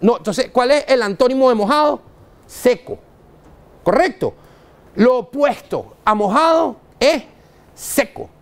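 A man's voice: extremely high pitch, sing-song, unhurried, pauses often. A man with a Venezuelan accent giving a live dental lecture, blunt and slangy, quizzing the audience. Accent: Venezuelan Spanish. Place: university lecture hall.

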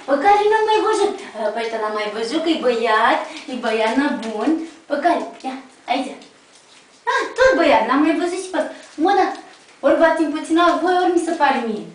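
A woman with a Romanian accent talks to her puppies in a casual home video, cooing baby talk, filmed on a camera someone else holds. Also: high-pitched. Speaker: puppy owner. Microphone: camera held by someone else. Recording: echoey room, camera off at a distance, faint noise.

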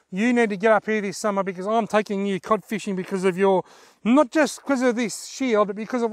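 A man in his forties with an Australian accent, a fishing vlogger and host, talks casually and enthusiastically to camera from a dirt track in bushland. His voice is high-pitched and effusive, with no echo.

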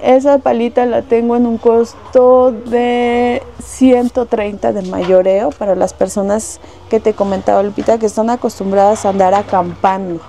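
A woman's voice: on the high side, fairly even intonation, normal speed, gravelly, hardly any pauses, warm tone, a little hiss or hum. A Mexican woman working in a shop, showing goods and listing wholesale prices in a casual way, with lots of little diminutives. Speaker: shop saleswoman. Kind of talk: casual product showcase. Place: shop indoors.

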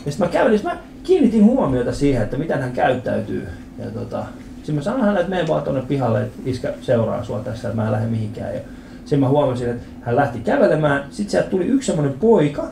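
A man in his thirties doing a stand-up comedy set in a club, telling stories with animated acted-out voices and lots of swearing. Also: medium pitch, vocal fry, a little hiss or hum. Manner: animated storytelling, acts out quoted voices, swears freely. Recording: roomy club with audience laughter.

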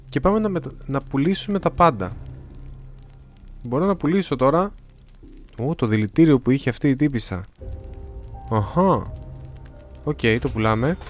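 Chatty man commenting on a game. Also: mid-range voice. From Greece. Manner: chatty, reads in-game dialogue aloud in varied voices. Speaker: gameplay commentator. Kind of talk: casual let's-play commentary.

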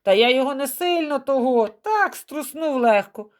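A woman's voice: sits high, expressive, normal speed, pitched above the performer's own voice. A woman voicing a huge, good-natured young village man who speaks plainly and naively.

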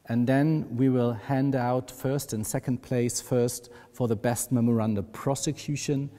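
A man's voice: mid-range voice, warm tone. German man making a proud formal announcement. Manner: measured, proud ceremonial delivery. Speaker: award presenter. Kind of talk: formal speech to camera. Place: wood-panelled room, indoors. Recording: long hall reverb.

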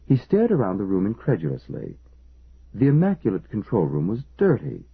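A man reading an audiobook as narrator, in measured, lively storytelling. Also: fairly low pitch, slightly rough. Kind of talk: scripted narration. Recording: tinny phone-like band.

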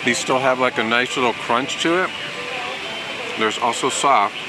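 A man's voice: mid-range voice, normal speed, very noisy. A man chewing while he talks, chatting casually as he reviews food on camera. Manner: relaxed, chatty, rambling with fillers. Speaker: theme park food vlogger. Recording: loud background music.

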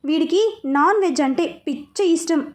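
A lively young friend as a woman narrator puts him on chatters playfully and eagerly. The voice is high and quick for this storybook reading. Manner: excited, playful.

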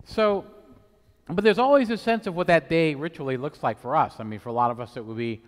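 A middle-aged man, a priest, reads the gospel in a measured way and then preaches loosely with fillers, his voice ringing in a cathedral echo. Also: a little high. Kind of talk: liturgical reading and homily. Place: large church, indoors. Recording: long echo of a large church.

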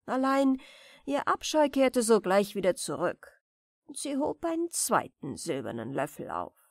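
A woman narrating fairy tales as a bedtime audiobook, calm and gentle. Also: medium pitch, measured pace, vocal fry, dry recording, studio quality.

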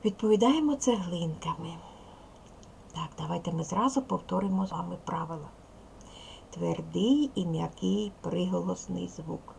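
A woman's voice: on the low side, moderate pace, gravelly, a little mellow, slight background noise. A woman teaching a primary school language lesson with a Ukrainian accent, patiently prompting young pupils with repeated questions. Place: classroom.

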